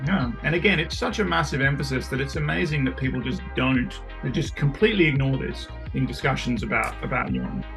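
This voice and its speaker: An earnest man with a gravelly, creaky voice presses his points with real emphasis, sometimes restarting a phrase. Faint music sits behind him. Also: medium pitch, fairly quick, few pauses, rough recording. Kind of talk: casual philosophical discussion.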